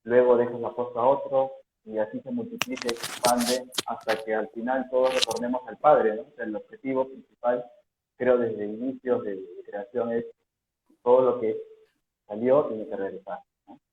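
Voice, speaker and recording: A man's voice: mid-range voice, steady tone, moderate pace. A man hosting an interview, talking in a casual, affirming way and often ending phrases with a questioning tag. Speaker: interview host. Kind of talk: casual spiritual conversation. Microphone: video call. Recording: tinny phone-like line in an echoey room, faint noise.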